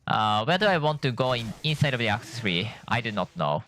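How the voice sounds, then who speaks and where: Man, gameplay commentary, sleepy, rambling, self-correcting, bright tone. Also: mid-range voice, big pitch swings, fairly quick, a little hiss or hum. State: tired from lack of sleep. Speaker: gameplay streamer.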